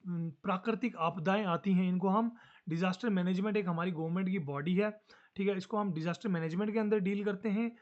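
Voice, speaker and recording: A man teaching a social studies lesson fast and casually, mixing Hindi with English terms. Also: sits high, a little mellow, muffled recording.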